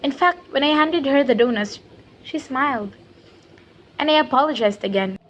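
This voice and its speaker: A woman's voice: high voice, expressive, normal speed, a little hiss or hum. A woman playing a tired Filipino immigrant mother who works long shifts at a shop counter, speaking with a Filipino accent in a weary, wistful tone. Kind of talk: student dramatic reading.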